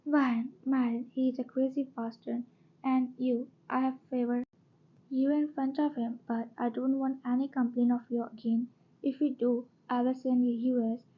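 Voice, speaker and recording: A haughty young mafia queen, bossy and arrogant, who makes threats, as a woman reads her. The voice sits high for a woman. The storybook audio is dull and lo-fi. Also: level tone, normal speed, slightly rough.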